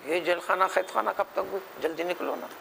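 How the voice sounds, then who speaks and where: A man's voice: sits high, fairly even intonation, a little fast, gravelly, background noise. A man giving a religious lecture with a Hyderabadi accent, teaching in an emphatic, rhetorical way and often mimicking other people's words. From India. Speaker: Quran scholar.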